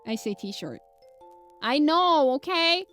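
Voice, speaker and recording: A native Swedish speaker with a light Swedish accent chats casually as a streamer, rambling, fumbling her words and laughing often over faint music. Her high, slightly bright voice is lively in intonation yet slow in pace.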